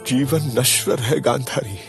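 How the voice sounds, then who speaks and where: A man's voice: mid-range voice, measured pace, creaky. An actor playing an anxious king in a mythological TV drama, speaking to his wife in a reassuring, emotional way. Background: background music.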